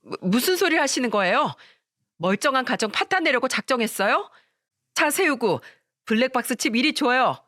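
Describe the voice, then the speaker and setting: A woman's voice: lively intonation, moderate pace, no echo, studio quality, close to an everyday voice. A woman voicing a sweet-talking, two-faced young daughter-in-law with a fawning, coaxing manner in a radio story. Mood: shrill. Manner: fawning, coaxing, shrill when cornered.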